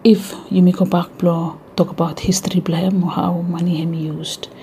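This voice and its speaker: A woman's voice: on the low side, flat delivery, moderate pace, mellow, slight background noise. A woman with a Vanuatu accent hosting an informal educational radio talk in Melanesian pidgin mixed with English. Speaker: radio show host.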